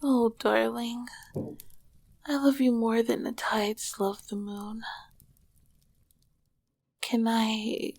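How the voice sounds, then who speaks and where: In an intimate ASMR roleplay, a woman plays an ancient, lonely, affectionate succubus queen, breathy and often dropping to a whisper, with doting, eloquent phrasing. Her voice is fairly high and darkish yet flat, exaggerated, with drawn-out words and frequent pauses, no echo. The mood is loving and tender.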